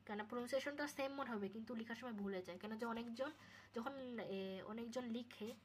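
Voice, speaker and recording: A woman's voice: fairly high pitch, slight background noise. Bangla-speaking woman tutoring Spanish sounds. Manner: casual, repeats sounds slowly, checks in with "okay?". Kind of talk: recorded solo lesson explaining pronunciation. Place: home, recorded alone.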